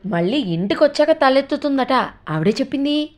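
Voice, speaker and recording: A woman voicing a sharp-tongued, nagging old grandmother in a read-aloud story, scolding and grumbling. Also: high-pitched, lively intonation, brisk, voice pushed up. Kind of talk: storytelling with character voices.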